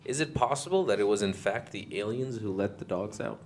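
A man's voice: fairly low pitch, animated, a little fast. A man in casual, slangy podcast banter, joking along as a panelist. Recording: faint background noise.

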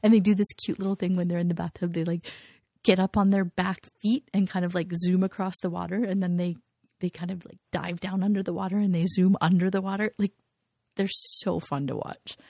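Low gravelly woman, giggly and rambly, mellow tone, dry close sound. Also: fairly even intonation, a little fast, no room sound. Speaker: podcast co-host. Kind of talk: casual chat.

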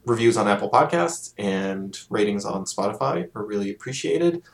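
A man's voice: fairly low pitch, expressive, normal speed, creaky. A man hosting a podcast, chatting casually and rambling with fillers and restarts. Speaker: podcast host. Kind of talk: casual chat.

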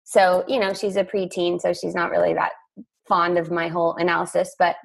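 Middle-aged woman guest, gravelly fry, chatty storyteller. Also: fairly low pitch, flat delivery, fairly quick. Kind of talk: casual conversation.

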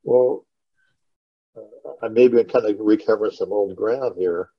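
Speaking at a measured pace in a lowish voice, a middle-aged man hosts a podcast, casually reminiscing through rambling stories. He's on an online call, and the audio is dull and lo-fi with no echo.

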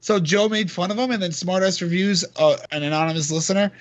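A man co-hosting a casual podcast, loud and sarcastic, joking and swearing often. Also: high voice, fast, no echo. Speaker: podcast co-host. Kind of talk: casual chat.

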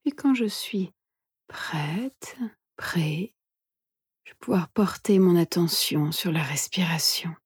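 A woman meditation instructor guides mindfulness practice in a soft, breathy, soothing near-whisper, leaving gentle pauses. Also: on the low side, lively intonation, dry recording, clean studio sound. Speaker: meditation instructor and podcast host.

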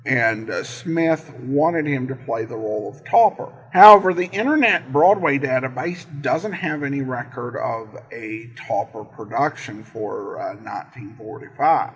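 A man with a husky voice hosting informal commentary on old radio shows, in a halting delivery. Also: mid-range voice, animated, low-quality recording. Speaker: podcast host.

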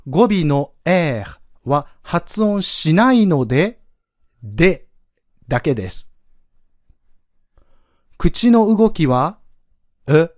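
Slow, patient male language teacher. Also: fairly high pitch, no room sound, studio quality. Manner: patient, slow step-by-step explaining with spoken demonstrations. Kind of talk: podcast pronunciation lesson.

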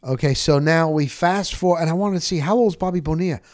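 A middle-aged sportscaster and podcast host tells rambling, candid stories like he's off duty, talking fast in an animated, salty way and repeating phrases for emphasis. His voice is set fairly high, and the recording is dry with no room sound.

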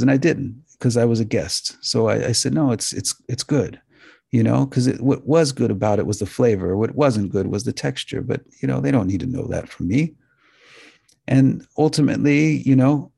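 A male host earnestly recounting a dream and the lessons he drew from it, in a measured storytelling manner. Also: lowish voice, vocal fry, mellow, breathy edge. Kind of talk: spiritual talk recounting a dream.

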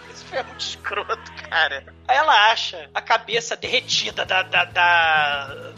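A man retelling a horror film in casual podcast chat, crude and joking, mimicking characters in high voices. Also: expressive, measured pace, vocal fry, sharp tone, soft background music. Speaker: podcast co-host.

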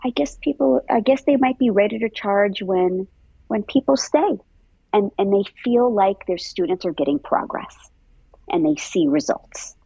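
A woman's voice: medium pitch, expressive, normal speed, vocal fry, dark tone, husky, no room sound, dull audio. A woman who trains dance instructors answers interview questions thoughtfully, often saying "I feel" and repeating words.

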